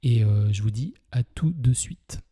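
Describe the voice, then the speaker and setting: A man's voice: mid-range voice, lively intonation, measured pace, over loud music. A man with a French accent hosting a casual film review, chatty and full of hesitations. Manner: chatty, many fillers and restarts. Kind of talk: casual video commentary.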